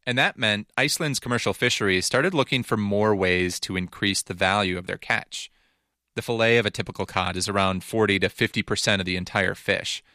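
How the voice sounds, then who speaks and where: A man's voice: lowish voice, fairly quick, sharp tone, no room sound, clean studio sound. A man narrating a scripted news feature in a conversational, explanatory way. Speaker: reporter narrating.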